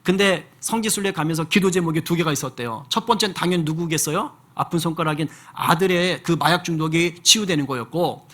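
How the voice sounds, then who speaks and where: A man's voice: on the high side, brisk, few pauses, fairly bright tone. A man, a senior pastor, preaching a sermon in a conversational storytelling way, often asking the congregation questions.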